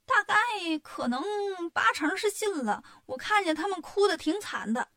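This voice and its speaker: Woman doing a squeaky little demon minion. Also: big pitch swings, normal speed, gravelly, sharp tone, full character voice. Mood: unsure.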